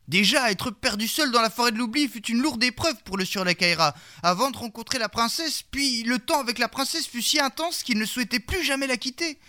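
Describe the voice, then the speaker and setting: Guy telling a silly fairy tale all mock serious, really bright high voice. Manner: mock-solemn, with absurd asides. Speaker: narrator. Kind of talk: comic fairy-tale narration.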